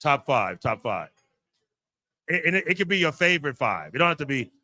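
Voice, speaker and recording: A man hosting a podcast, chatting casually and quizzing his co-hosts on their picks. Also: a little high. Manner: relaxed banter, running through picks with quick questions. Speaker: podcast host. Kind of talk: casual chat.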